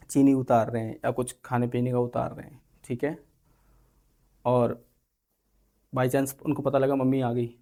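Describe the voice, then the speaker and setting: A man's voice: on the high side, a little mellow. A man with an Indian English accent, explaining a spoken English lesson and acting out example lines, with frequent "theek hai" checks. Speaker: English teacher.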